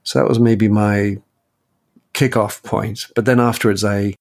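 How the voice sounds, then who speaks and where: A man's voice: on the low side, flat delivery, measured pace, vocal fry, a little mellow. A man in his fifties, a guest and author, telling his life story in a reflective interview. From Belgium. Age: 50s. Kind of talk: interview conversation.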